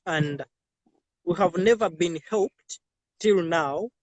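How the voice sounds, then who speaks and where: A transgender woman gives a halting, pleading testimony as a refugee guest, her voice jumping loud on key words. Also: on the low side, dry recording, dull audio. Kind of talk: emotional testimony.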